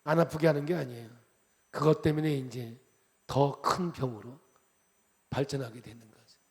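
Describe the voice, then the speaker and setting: A male pastor from Chungcheong preaching a revival sermon, animated and jokey, swinging between loud and soft. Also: medium pitch, normal speed, long reverb tail. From Chungcheong, Korea.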